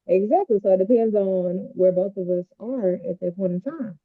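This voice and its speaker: A woman's voice: mid-range voice, normal speed. A woman co-hosting a casual panel debate, talking frankly while her voice sounds muffled, as if heard through a wall. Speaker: podcast co-host. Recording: muffled, phone-like lo-fi mic sound.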